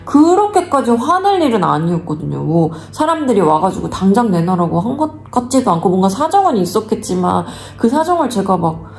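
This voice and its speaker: A woman from Korea telling a personal story in an animated way, acting out the dialogue. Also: mid-range voice, brisk, creaky, few pauses. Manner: animated, acts out dialogue in quotes. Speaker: vlogger.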